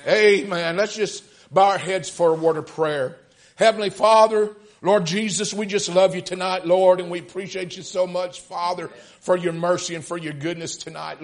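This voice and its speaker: A man preaching a sermon, halting with fillers, repeating amen, then leading a prayer full of Lord. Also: high-pitched, fairly even intonation, a bit bright.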